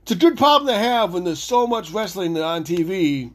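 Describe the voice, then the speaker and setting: A man hosting his own podcast, talking loudly in a rambling, excitable way, often stopping and restarting his sentences. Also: high voice, moderate pace. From Italian heritage. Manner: loud, rambling, self-interrupting, excitable. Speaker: podcast host. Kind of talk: solo podcast rant.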